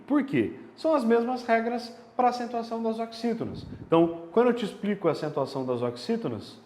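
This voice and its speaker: A man's voice: fairly high pitch, a little mellow. A man teaching a grammar lesson, explaining step by step and checking in with rhetorical questions. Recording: echoey room with long reverb.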